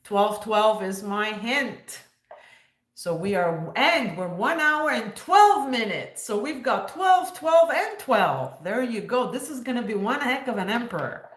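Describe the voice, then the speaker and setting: A woman's voice: a little high, animated, unhurried, roomy sound. A woman in her fifties hosting a casual livestream, joking and sarcastic, laughing often. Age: 50s. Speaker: livestream host.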